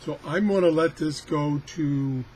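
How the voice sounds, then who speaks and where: A man reviewing products on video gives a casual hands-on demonstration, rambling and thinking aloud, while a weather radio chatters in the background. His voice is fairly high pitched, unhurried, slightly rough, and darkish in tone.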